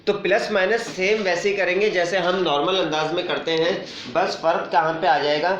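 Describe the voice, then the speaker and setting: A male math teacher gives a classroom lesson. He repeats key points and asks quick rhetorical questions to check that the class follows. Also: high voice, steady tone, a bit bright, slight background noise. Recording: roomy, dull lo-fi recording.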